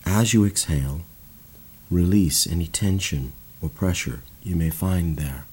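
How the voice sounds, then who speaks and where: A man guiding a slow, calm breathing and body relaxation exercise in a soothing voice. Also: low voice, slightly rough. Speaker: meditation guide. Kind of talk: guided relaxation narration.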